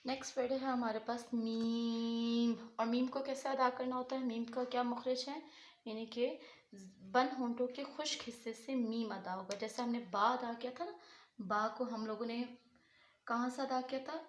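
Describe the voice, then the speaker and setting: A woman's voice: fairly high pitch, fairly even intonation, moderate pace, echoey room. A woman teaching Quran pronunciation, who asks herself questions and answers them as she explains each letter. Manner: repeats her own questions and answers them. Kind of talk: explanatory tajweed lesson.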